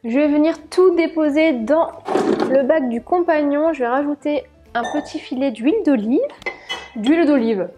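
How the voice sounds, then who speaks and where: A woman's voice: sits high, moderate pace, dark tone, faint music behind. A young woman vlogging from her home kitchen, chatting casually with lots of fillers as she explains each cooking step. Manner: chatty, many fillers, narrates while cooking.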